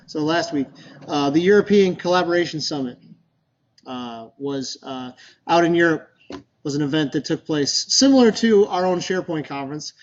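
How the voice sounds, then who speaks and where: Male user-group presenter, chatty and informal, higher pitch, muffled recording. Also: animated, moderate pace, a little hiss or hum. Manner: chatty, loose, many fillers and restarts. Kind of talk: casual presentation to a meetup.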